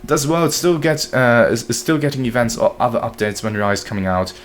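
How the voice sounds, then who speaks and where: A game streamer casually comments on his gameplay during a live stream, speaking briskly in a mid-range voice. He jokes, chats with viewers, and reads their messages aloud, with soft music in the background.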